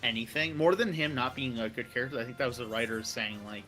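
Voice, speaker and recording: A man's voice: mid-range voice, fast, bright, forceful tone, soft background music. A man chatting on a gaming stream, rambling with lots of "like" and casual swearing.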